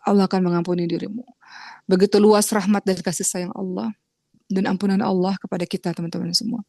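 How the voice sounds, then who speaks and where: A woman's voice: fairly even intonation, brisk, gravelly, a little mellow, no room sound, clean studio sound. A woman from Indonesia giving an earnest religious lecture, talking straight to her listeners as friends and acting out pleading prayers. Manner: earnest, acts out pleading prayers with rising pitch; addresses listeners as friends, refers to herself as Uma. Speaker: preacher.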